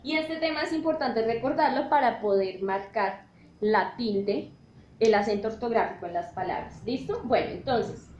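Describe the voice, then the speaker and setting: A woman's voice: fairly high pitch, expressive, normal speed, darkish tone, muffled recording. A woman teacher, explaining step by step in a classroom style and checking in with her students often. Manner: checks in with "¿listo?" often, spells out letters. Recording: echoey room with faint noise.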